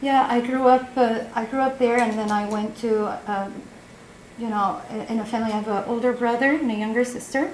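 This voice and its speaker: Woman, forties, witness testimony, soft and hesitant, echoey courtroom, faint hum. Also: a little high, steady tone. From Egypt. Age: 40s. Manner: soft-spoken, hesitant with many pauses. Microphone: witness stand microphone.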